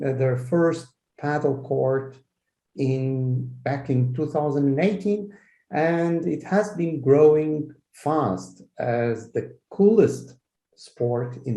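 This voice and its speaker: Guy hosting a video call interview, mellow voice, kinda echoey room, stops and restarts a lot. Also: medium pitch. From Portugal. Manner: halting, restarts often, speeds up when making a point. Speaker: host. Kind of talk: casual online interview.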